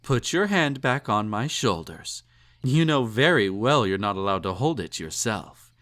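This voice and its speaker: In an intimate roleplay audio drama, a man plays a snobbish, possessive emperor who is indulgent and slightly tipsy, delivering a second-person monologue. His lowish, slightly bright voice is animated yet slow, doting and controlling by turns. He sounds pompous, condescending, and teasing, with ornate, formal phrasing.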